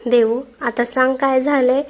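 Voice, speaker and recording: A woman's voice: sits high, little pitch movement, unhurried. A woman voicing a caring young roommate. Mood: concerned.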